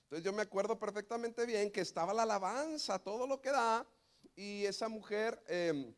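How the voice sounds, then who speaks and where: A man's voice: high-pitched, normal speed. A middle-aged man, preaching a sermon and telling a story with acted-out quotes. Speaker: pastor.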